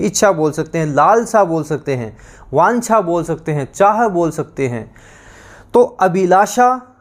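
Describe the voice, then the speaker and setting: A male teacher giving an online exam-prep lesson, encouraging his students and repeating word lists in a drilling rhythm. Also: high-pitched.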